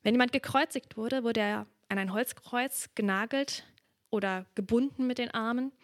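A woman's voice: a little high, normal speed, dry recording, clean studio sound. A woman preaching a sermon in a reflective, earnest way, reading from the Bible. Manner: earnest, reflective, drops to a whisper at moments.

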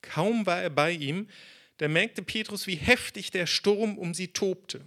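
Male preacher, sermon, slow delivery, fairly high voice, conversational, acts out quotes. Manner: conversational, animated storytelling with acted quotes.

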